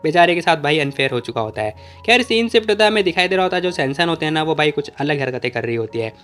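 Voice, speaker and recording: A male narrator recapping a comic in a loose, chatty style, often calling out to listeners as friends. He talks fast in a slightly high voice. Faint music runs behind him. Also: expressive, fairly bright tone, smooth. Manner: chatty, addresses listeners as "bhai".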